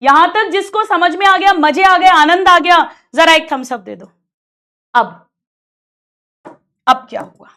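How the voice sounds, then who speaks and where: A woman with a high voice teaches a biology lesson to her students. She tells it as a lively story and turns the science into little arguments between characters. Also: a little slow, pauses often. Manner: animated, acts out quarrels between characters, addresses students as beta. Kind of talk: storytelling lesson in Hindi with English terms.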